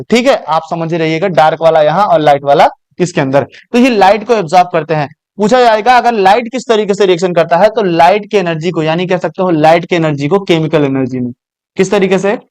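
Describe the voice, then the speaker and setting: A man's voice: fairly high pitch, a little mellow, no room sound. A male coaching teacher giving a classroom biology lecture, asking questions and answering them himself as he explains to his students.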